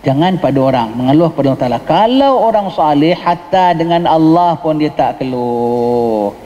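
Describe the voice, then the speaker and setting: A man's voice: fairly high pitch, expressive, normal speed, dark tone, dull audio. A man with a Johor Malay accent gives a mosque lecture on a religious text, explaining patiently and asking the listeners questions. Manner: explains patiently, mixes in English words, asks the listeners "ha?". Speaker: religious teacher. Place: mosque hall. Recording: long hall reverb.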